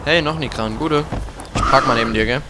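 A young man giving casual let's play commentary, crude and swearing, often yelling at the game. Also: medium pitch, fast, heavy background noise. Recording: voice over game music.

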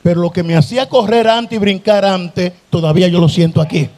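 A man, an evangelist preaching a Pentecostal sermon at a church convention, impassioned and building to shouted crescendos. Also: high voice, fairly quick.

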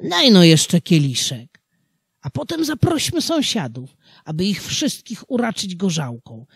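A simple old peasant from a folk tale, past sixty, grows merry on drink and wonders aloud in high-pitched bursts, as the narrator puts him on. His breathy voice drags slowly and sits close and dry to the mic. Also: big pitch swings, no echo, full character voice. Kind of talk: audiobook folk tale reading.

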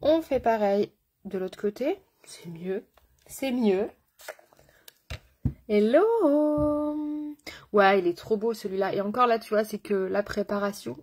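Her voice is medium in pitch, slightly rough, at a moderate pace. She's a makeup artist doing a live tutorial, chatty, slangy and enthusiastic, welcoming viewers with pet names.

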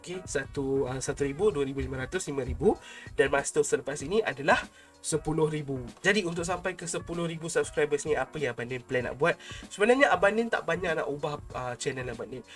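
A man's voice: fairly high pitch, quick pace. A young man with a Malaysian accent talking casually and informally to his subscribers as a YouTube host, close to a desk microphone. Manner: informal, chatty, addresses viewers as an older brother. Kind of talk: casual vlog talk to subscribers. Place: small home room, indoors. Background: background music.

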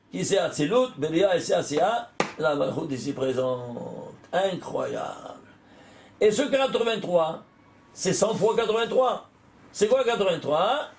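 An older man, a rabbi, giving an animated Torah lesson, working through numbers aloud and breaking into excited exclamations and questions to his listeners. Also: high voice. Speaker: rabbi teaching Torah and Kabbalah.

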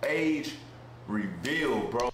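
A man's voice: mid-range voice, expressive, drawn-out words, a bit bright. Echoey young man saying "bro" constantly. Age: 20s. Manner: laid-back slang, says "bro" constantly. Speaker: basketball player. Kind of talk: casual vlog chat. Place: living room with kitchen behind. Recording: very echoey room, faint hiss.

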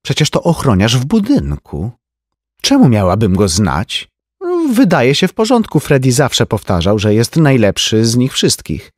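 A rich socialite woman, bored and catty, her raised voice flat and offhand, as a male narrator puts her on. The lines swing up and down in pitch. It comes across dry and close. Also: measured pace, no room sound. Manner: flat, indifferent delivery.

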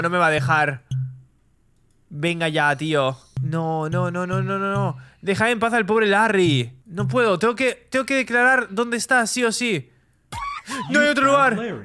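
Young gamer, high bright voice, chatty let's-play commentary. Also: male voice. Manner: chatty, reads game text aloud. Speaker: gaming YouTuber.

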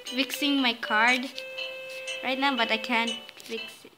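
A woman giving casual commentary while playing a card game, excitable and bursting into squeals and complaints. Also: a little high, slow, poor audio. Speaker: gaming video host. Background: game music.

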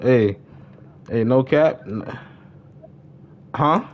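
In lo-fi audio, a livestreaming gamer with a mid-range voice talks extremely slowly. His casual stream banter is full of slang, and he often says the same phrases again.

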